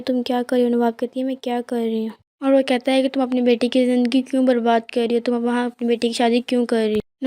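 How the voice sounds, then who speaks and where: A woman narrates a recap of a television drama, moving steadily from scene to scene and quoting what each character says. Her voice sits a little high but barely moves in pitch. The tone is dark and mellow. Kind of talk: scripted episode recap narration.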